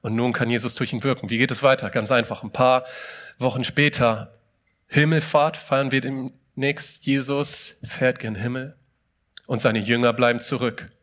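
A man's voice: medium pitch, fairly even intonation, normal speed, a bit bright. Emphatic, conversational male preacher. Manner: emphatic, conversational, many rhetorical questions; often starts phrases with a casual "hey". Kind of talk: sermon.

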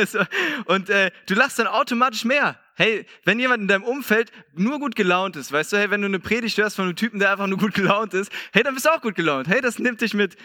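A man's voice: high-pitched, sharp tone, dry recording, clean studio sound. A young man preaching a casual, upbeat sermon, slangy and full of "hey".

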